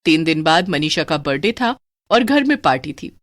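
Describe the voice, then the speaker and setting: A woman narrating a scripted horror story in an expressive, animated voice. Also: sits low, moderate pace, dry recording, studio quality.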